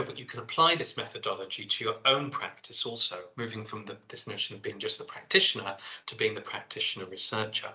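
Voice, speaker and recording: A man's voice: lowish voice, sharp tone, low-quality recording. A middle-aged man giving a seminar presentation, talking through his slides and reading his field notes aloud. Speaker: lecturer.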